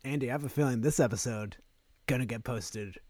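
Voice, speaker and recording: A man co-hosting a casual podcast, with a playful, teasing manner and quick giggles. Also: mid-range voice, a little mellow, no room sound, clean studio sound. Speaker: podcast co-host.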